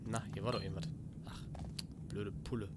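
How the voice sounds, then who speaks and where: A man's voice: lowish voice, flat delivery, a little fast, very noisy. A man giving casual let's play commentary, talking to himself, getting jumpy and swearing, sometimes reading in-game notes aloud.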